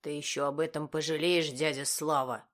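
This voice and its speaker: A woman voicing a snide grown man who needles his friend in a low, quiet voice. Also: fairly even intonation, normal speed.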